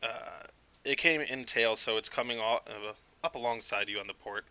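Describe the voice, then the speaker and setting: A man's voice: mid-range voice, moderate pace, sharp tone, clear, resonant tone. A man running a tabletop game as game master, narrating the scene with frequent filler sounds.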